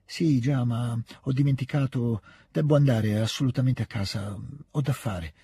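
A man voicing a shy young man who makes excuses in a hurried, hesitant way. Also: medium pitch, dark tone, husky, no room sound. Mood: awkward.

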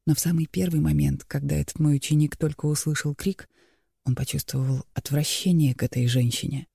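Male narrator, measured spiritual reading, gravelly and dark, dry booth sound. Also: fairly high pitch, fairly even intonation, no room sound. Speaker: audiobook narrator. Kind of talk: scripted narration of a spiritual book.

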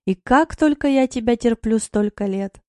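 A woman's voice: on the high side, normal speed, warm tone, no room sound, studio quality, natural voice. A sleepy grumbling wife read by a woman. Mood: mock-annoyed. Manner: grumbling, mock-complaining. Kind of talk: audiobook narration.

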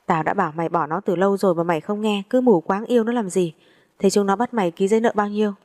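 A woman's voice: mid-range voice, fast talker, a little mellow, natural voice. A woman voicing a blunt, impatient, foul-mouthed young woman who scolds her friend like an older sister in a story reading. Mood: scolding.

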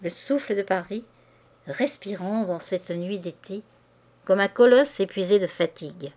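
A woman narrating a classic novel as an audiobook, in a measured, expressive reading. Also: mid-range voice. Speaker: audiobook reader.

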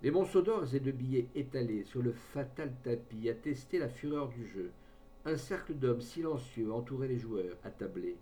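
A man reading a classic French novel aloud in measured, even narration. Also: mid-range voice, slight background noise. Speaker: audiobook reader.

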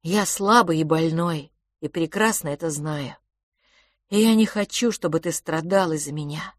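A woman's voice: low-pitched, normal speed, no room sound, clean studio sound, natural voice. A woman voicing Philipp, a frail and sickly boy who speaks bitterly and wearily, with sighs. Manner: bitter, sighing, subdued.

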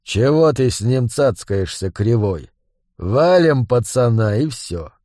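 A man's voice: mid-range voice, measured pace, no room sound, studio quality, natural voice. A man voicing a menacing gang boss who growls threats. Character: grim male gang boss, menacing thug.

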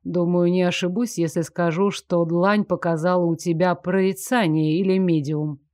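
Woman voicing a calm, commanding young lord. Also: dry recording, studio quality, close to an everyday voice. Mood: assured. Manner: low, unhurried, patronizing. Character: calm self-assured nobleman, gently commanding. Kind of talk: audiobook character voice.

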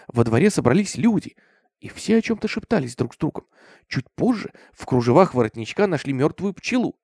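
Male narrator for a dark horror tale, lively pitch, dry close sound. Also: no echo. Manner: intense, expressive delivery. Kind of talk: dramatic horror story reading.

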